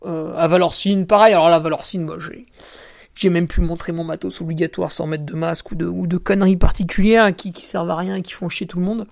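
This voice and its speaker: A man's voice: high-pitched, fairly even intonation, fairly quick, vocal fry. Man ranting in a crude podcast monologue. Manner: indignant ranting, crude slang, addresses listener as "tu vois". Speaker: podcast host and trail runner.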